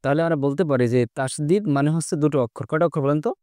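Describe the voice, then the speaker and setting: A man's voice: fairly high pitch, rapid-fire, mellow, smooth, no room sound, studio quality. A man teaching an online class, explaining step by step and keeping his students engaged with constant questions.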